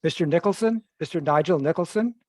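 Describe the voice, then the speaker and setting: A man voicing a brisk young studio aide. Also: a little high, a little mellow, no echo, close to an everyday voice.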